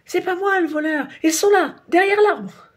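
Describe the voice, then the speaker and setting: Woman playing a flustered loud dad, breathy voice, storybook reading. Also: on the high side, brisk. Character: jumpy, blustering family father.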